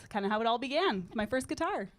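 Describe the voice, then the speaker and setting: A singer-songwriter in her thirties from British Columbia, Canada, chats casually as a guest in a radio studio, picked up on a studio microphone. Her voice is low and slightly gritty, and her manner is relaxed and loose, rambling with frequent fillers, as in an easygoing interview.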